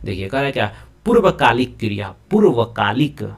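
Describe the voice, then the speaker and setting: Lively male grammar teacher. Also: mid-range voice, moderate pace. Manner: lively, repeatedly checks understanding with rhetorical questions. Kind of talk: classroom-style lesson explaining to students.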